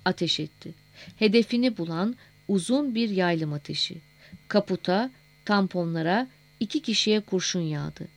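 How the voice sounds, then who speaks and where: A woman narrating a novel as an audiobook in a measured, steady reading voice. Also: on the low side.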